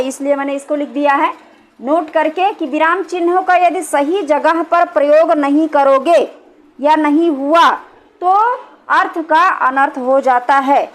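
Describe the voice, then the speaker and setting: A woman with a high, light voice teaches a grammar lesson. She talks patiently, repeats her points and keeps checking that her listeners follow. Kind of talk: explaining a Hindi grammar lesson.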